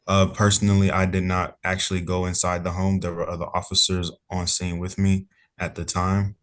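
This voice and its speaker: A man's voice: sits low, completely flat delivery, moderate pace. A police officer testifying in court over a remote call, polite and hedging in his answers.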